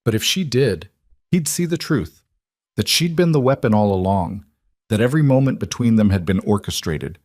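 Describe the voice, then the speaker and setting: A man's voice: on the low side, lively intonation, normal speed, a little mellow, no echo, studio quality. A man reading scripted dramatic narration in terse, clipped sentences.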